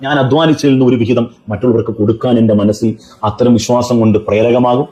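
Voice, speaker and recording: A man's voice: mid-range voice, warm tone. A man giving a persuasive religious speech, firing one rhetorical question after another at the listener. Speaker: Islamic speaker.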